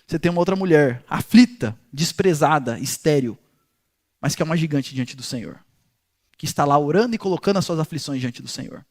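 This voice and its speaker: A man teaching a Bible passage in an animated storytelling way, talking directly to his listeners. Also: fairly high pitch, brisk. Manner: speaks directly to listeners as "gente". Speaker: pastor teaching a Bible study.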